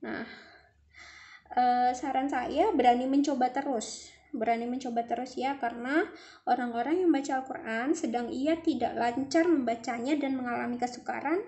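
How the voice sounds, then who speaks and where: A woman's voice: high-pitched, moderate pace, dark tone, reverberant. A woman teaching Quran reading in a casual lesson, patiently repeating letter sounds to show the differences.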